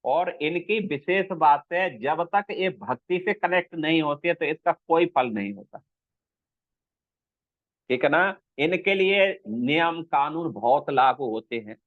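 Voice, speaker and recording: Slow, tinny-sounding male spiritual teacher. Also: a little high, lively intonation, no echo. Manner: slow, explanatory, checks with listeners; intones Sanskrit verses. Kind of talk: scriptural discourse. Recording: dry, tinny phone-like sound.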